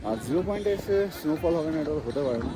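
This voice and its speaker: A man with a Bengali accent vlogging from a snowy mountain pass. He talks slowly and is short of breath from the altitude, with a dry throat, breaking into excited exclamations. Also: fairly high pitch. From Bengal, India. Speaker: travel vlogger. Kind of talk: casual vlog walk-and-talk. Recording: wind noise on the mic outdoors.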